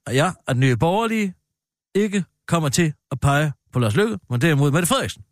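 Animated man rambling in mock-pompous banter. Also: fairly high pitch, no echo, clean studio sound. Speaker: satirical co-host. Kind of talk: comedic political banter.

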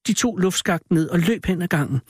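A man's voice: high voice, breathy edge, no echo, clean studio sound. A man voicing a male ape who tells a spooky story with dramatic, theatrical reading.

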